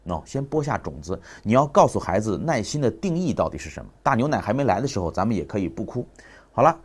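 A man's voice: fairly low pitch, sing-song, quick pace, slightly rough. A man in his thirties giving a public talk on parenting, telling family stories and acting out the dialogue. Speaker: parenting speaker.

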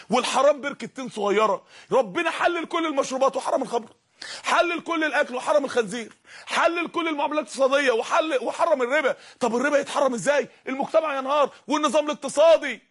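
A man's voice: very high voice, a bit bright. A man with an Egyptian Arabic accent giving an impassioned Islamic sermon, repeatedly exhorting his listeners. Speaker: preacher.

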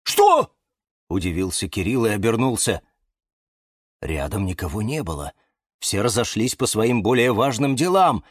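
A man narrating a children's storybook in an unhurried, expressive way. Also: lowish voice, no room sound, studio quality.

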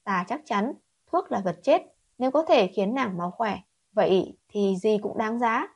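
A woman's voice: mid-range voice, unhurried, breathy edge. A woman voicing a cold, possessive male prince in a storybook reading, speaking curtly. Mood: resolute. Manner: curt, cold, commanding.

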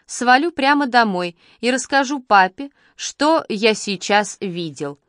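A woman voicing a gangly teenage boy with a creaky, strained voice who taunts and mocks. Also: fairly high pitch, expressive, measured pace, a bit bright, no echo, clean studio sound. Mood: taunting.

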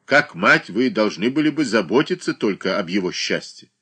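A man reading an audiobook voices a stern, humorless gentleman who lectures curtly. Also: lowish voice, animated, normal speed, slightly rough, full character voice. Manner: curt, forceful, admonishing.

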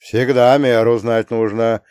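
A man voicing a gruff, hard-drinking old male war veteran who grumbles and swears, in an audiobook. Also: medium pitch, level tone, unhurried, a little mellow, dry recording, clean studio sound, lightly acted. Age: older.

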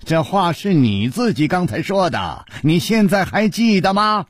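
A man voicing an arrogant young swordsman in a storytelling reading, loud and mocking in manner. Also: sits high, big pitch swings, very fast, slightly rough, no room sound, clean studio sound, pitched above the performer's own voice, heavily acted. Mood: commanding.

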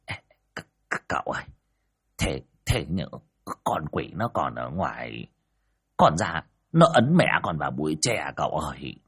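A man's voice: deep voice, sing-song, normal speed, creaky, breathy edge, heavily acted. A man voicing a joking, fretful old male village medium who pleads and banters. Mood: wheedling.

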